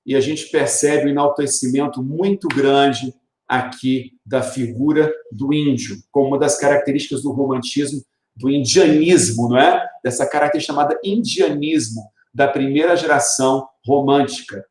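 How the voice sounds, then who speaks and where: A man's voice: mid-range voice, normal speed, a little mellow. A male literature teacher, giving a recorded video lesson in an explanatory way and tagging his points with rhetorical questions. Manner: explanatory, tags lines with rhetorical "né?". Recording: roomy echoey room.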